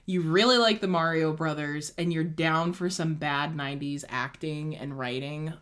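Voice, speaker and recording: In a casual chat, a young woman co-host rambles enthusiastically and gushes, her speech full of "like." Her low voice is a bit bright, and her pace is moderate.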